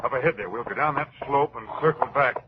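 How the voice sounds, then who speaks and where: An actor playing a fearless cowboy hero in an old-time radio western, giving brisk orders with brash, old-fashioned bravado. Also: male voice, mid-range voice, lightly acted. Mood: urgent, commanding. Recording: muffled, very noisy old radio recording.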